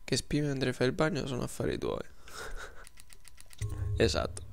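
A man's voice: mid-range voice, measured pace, creaky. A man giving casual, slangy, joking commentary over gameplay.

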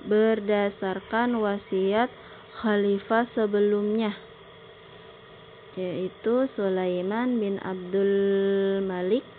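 A woman teacher giving a recorded slideshow lesson, explaining slowly and often pausing on filler words. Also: mid-range voice. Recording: tinny phone-like sound with faint noise.

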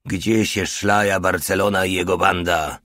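Audiobook: hoarse older tank commander who barks orders and curses, deep voice, voiced by a male reader. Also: fairly even intonation, measured pace, sharp tone, no room sound. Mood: gruff. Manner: barking orders, cursing. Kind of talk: audiobook narration.

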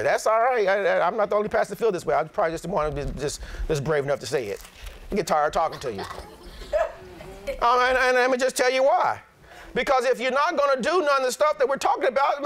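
A middle-aged pastor preaching a sermon in an animated, blunt, plain-spoken way. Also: male voice, high voice.

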